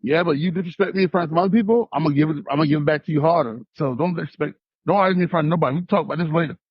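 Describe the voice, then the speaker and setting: Fast, husky-voiced blunt man. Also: fairly high pitch, no echo, lo-fi sound. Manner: blunt, emphatic. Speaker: panelist. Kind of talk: casual panel discussion.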